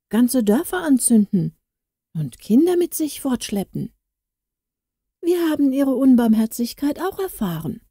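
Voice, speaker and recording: A woman voicing a small, proud male dwarf who grumbles and lectures, read slowly in a storybook. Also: a little high, warm tone, dry recording, clean studio sound.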